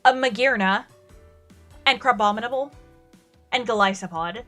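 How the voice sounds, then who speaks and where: Young woman streamer, chatty and excitable, a bit of a cold, bright higher voice over faint music. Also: moderate pace. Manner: excitable, gushes and laughs a lot. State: coming down with a cold, coughing. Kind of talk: casual chat while drawing.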